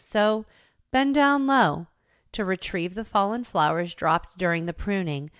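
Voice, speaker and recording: Woman reading a devotional, slow and steady, dry close sound. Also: fairly low pitch, clean tone, dry recording. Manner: slow, measured reading with quoted passages. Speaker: devotional podcast host.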